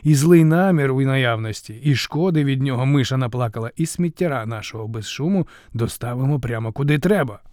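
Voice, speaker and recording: A man's voice: mid-range voice, brisk, few pauses, a little mellow, no room sound, studio quality, natural voice. A man voicing a mocking male jester god laying out a scheme in flowery, sneering speech. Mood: mocking, scheming.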